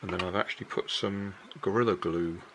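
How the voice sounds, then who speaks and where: A man's voice: low voice, steady tone, brisk, background noise. An older man casually walking through a hobby build at a kitchen table, explaining each step plainly and unhurriedly, correcting himself as he goes.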